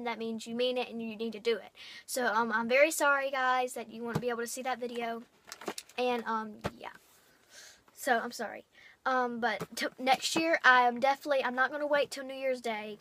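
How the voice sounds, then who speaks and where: A young woman giving an unplanned devotional talk on her vlog, rambling and halting in an earnest way. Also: high-pitched, fairly bright tone, a little hiss or hum. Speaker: vlogger.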